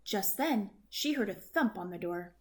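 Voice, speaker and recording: A woman reads a children's picture book aloud at a medium pitch. Her storybook delivery is gentle, speeding up and slowing down to carry the tale. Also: lively intonation. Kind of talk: children's read-aloud narration.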